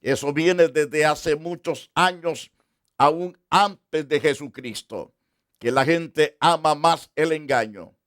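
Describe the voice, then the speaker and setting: A man preaching a sermon as pastor, slow and deliberate, with emphatic repetition. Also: fairly high pitch, fairly bright tone, dry recording, clean studio sound.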